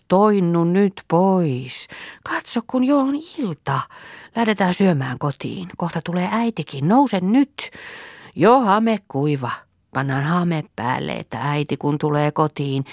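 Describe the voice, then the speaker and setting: A woman's voice: low-pitched, dry recording, clean studio sound, heavily acted. A woman voicing a tender little girl who coaxes and fusses over a friend in a storybook reading. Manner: soft and coaxing, then wailing.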